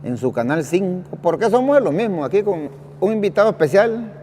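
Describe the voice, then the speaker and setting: A man's voice: high-pitched, very animated, a little fast, warm tone, a little hiss or hum. A man with a Guanacaste Costa Rican accent hosting a TV interview, friendly and giving constant short affirmations. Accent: Guanacaste Costa Rican Spanish. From Costa Rica, Guanacaste. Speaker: TV host. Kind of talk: casual interview.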